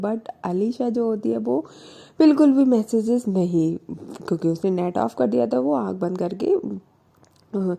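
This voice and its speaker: A woman's voice: medium pitch, vocal fry, warm tone. A woman narrating a love story in a chatty, casual way, sprinkling in English words.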